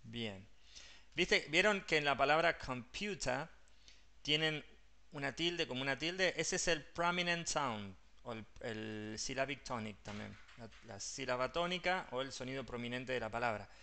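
A man's voice: medium pitch, expressive, moderate pace, gravelly, pushed and bright. A man with a Rioplatense Spanish accent, an English teacher patiently explaining pronunciation step by step and mixing English terms into his Spanish.

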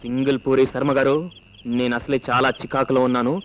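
An actor playing an amorous, hot-tempered husband in a film scene, talking in a blustering, teasing way. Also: male voice, medium pitch, monotone, fast, lo-fi sound, slight background noise, natural voice. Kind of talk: film dialogue. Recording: music score behind.

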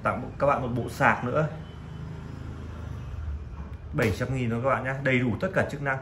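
A man gives a casual, halting sales pitch as a shop seller, often repeating himself. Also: steady tone. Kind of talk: casual sales pitch presenting used phones. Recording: clearly noisy room recording.

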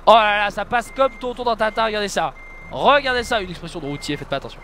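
A man's voice: high voice, fast, sharp tone, slight background noise. A man giving casual commentary over his own gameplay, exclaiming at his mistakes and making joking, self-mocking asides to his viewers. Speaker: video game streamer.

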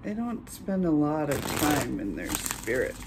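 A woman hosting her own channel, giving a casual tarot reading in an unhurried, chatty way with many filler pauses. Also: deep voice, very animated, heavy background noise. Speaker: tarot reader and channel host.

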